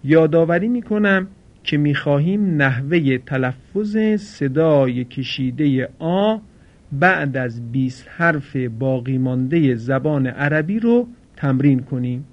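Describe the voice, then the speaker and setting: A man teaching Quran recitation pronunciation, drawing out each model word slowly between brisk explanations. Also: a little high, expressive. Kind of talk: pronunciation lesson with drills. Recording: dull lo-fi recording.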